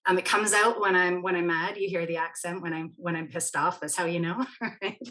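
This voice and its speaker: A woman's voice: fairly low pitch, fairly even intonation, brisk, sharp tone, rough recording. A woman from Barbados, a management consultant, chatting casually on a webinar panel call and laughing easily. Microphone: video call.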